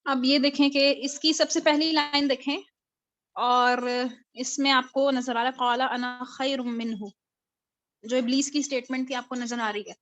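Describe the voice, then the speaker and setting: Explaining step by step and answering her own questions, a woman teaches a recitation class live online. Her voice sits high, with fairly even intonation and a fairly bright tone. The video call audio is dull and lo-fi.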